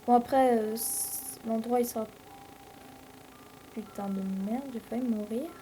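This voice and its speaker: Une jeune femme à l'français commente sa partie de jeu vidéo sur un ton décontracté et bavard, avec beaucoup d'hésitations. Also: female voice, fairly high pitch, fairly even intonation, unhurried, dark tone, a little hiss or hum, poor audio. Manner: rambling, chatty, many fillers. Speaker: let's play host. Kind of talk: casual gameplay commentary.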